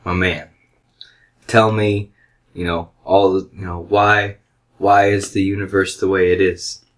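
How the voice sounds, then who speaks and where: A man's voice: deep voice, little pitch movement, a little slow, a bit bright. A man voicing an eager, easily dismayed seeker questioning God in a comedy podcast, informal and hesitant. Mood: curious, hesitant.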